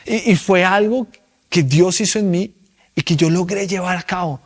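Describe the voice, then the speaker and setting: A man's voice: sits high, normal speed. A young man preaching a sermon as pastor, emphatic and full of rhetorical questions to his congregation.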